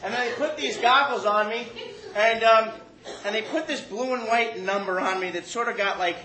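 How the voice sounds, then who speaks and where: A man's voice: high voice, normal speed, echoey room, a crowd in the background, rough recording. A man telling a comic story to a live audience, profane and self-mocking, often laughing while he talks.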